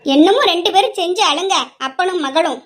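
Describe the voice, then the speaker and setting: A woman voicing a sharp-tongued middle-aged mother who scolds and jabs sarcastically, in an audio drama. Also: very high voice, lively intonation, brisk. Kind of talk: amateur audio drama acting.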